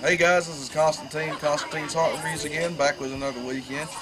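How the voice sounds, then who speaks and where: A man with a Southern US accent and a hoarse, under-the-weather voice, casually hosting an on-location interview. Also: fairly high pitch, steady tone, a little fast, music in the background. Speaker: host and interviewer of haunted attraction reviews. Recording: outdoor recording with clear crowd noise.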